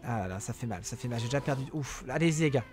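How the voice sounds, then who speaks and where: A young man giving excitable live commentary on a mobile game, talking to his viewers and yelling at opponents. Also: mid-range voice, rapid-fire, music in the background. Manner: excitable, shouts during fights, talks to viewers and enemies. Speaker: gaming YouTuber.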